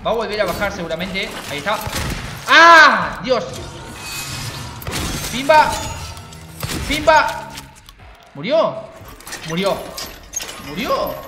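A young man commenting on his game, excitable and jokey, swearing and taunting the monsters. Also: sits high, a little slow, pauses often, reverberant, over music. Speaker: gaming channel host. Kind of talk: let's play commentary.

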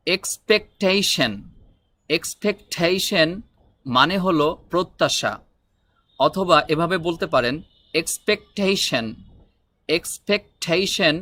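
A man teaching an English vocabulary lesson, saying each word slowly and repeating it, then explaining briskly. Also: fairly high pitch, sharp tone, no room sound, studio quality.

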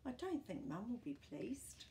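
Reading to young children in a small room lined with books, this storytime host in her sixties uses a warm, fairly high voice with big pitch swings and an unhurried pace. She has a New Zealand accent and reads the picture book expressively, breaking off for chatty asides and questions. There is slight background noise.

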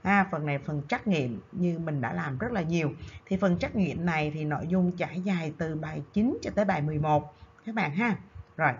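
A woman's voice: low voice, a little fast, muffled recording, a little hiss or hum. A woman teacher from Vietnam giving a recorded revision lesson, explaining step by step with frequent hesitation fillers. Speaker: secondary school English teacher.

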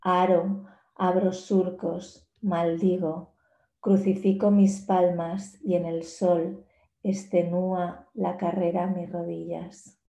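Reading poems during a talk, a woman in her forties speaks in a fairly low, mellow voice with a slow, measured and rather flat delivery. She's heard over a laptop webcam on a video call, and the small bare room makes the recording echoey.

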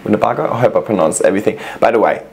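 Talking very fast in a fairly low, gravelly voice, a man hosts a laid-back reaction video. He warmly reads out viewers' messages and raves about their plants.

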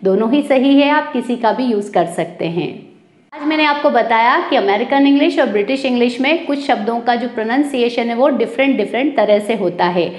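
A woman's voice: fairly high pitch, fairly quick. A woman from India with an Indian accent, giving a spoken English pronunciation lesson and carefully spelling out words letter by letter. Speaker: English teacher. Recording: echoey room.

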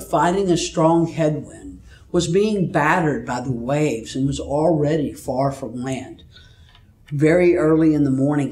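A pastor delivers his sermon and reads scripture in a measured storytelling manner. His voice sits a little high. The sound echoes around the room, picked up from a distance. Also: darkish tone. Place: church.

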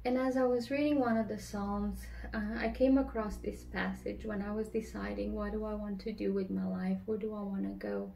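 A woman in her thirties from Romania, telling her personal faith story in an earnest, slightly halting way, seated at a table at home. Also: mid-range voice, fairly even intonation, creaky, dark tone, slight background noise, poor audio. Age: 30s. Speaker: church member giving testimony. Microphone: camera across the table.

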